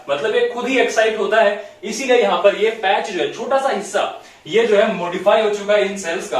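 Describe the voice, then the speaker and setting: A man teaching a biology class at a whiteboard. He explains step by step, keeps checking in with the class and mixes English terms into his talk. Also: high voice. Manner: explanatory, repeats "theek hai" often, mixes English terms. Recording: very echoey room, distant mic.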